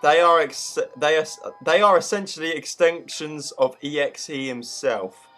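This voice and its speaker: A man's voice: on the high side, measured pace, a bit bright, soft background music. Exasperated swearing man. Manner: exasperated, swearing, stumbling over names. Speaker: reader of the story. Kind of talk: casual comedic read-along.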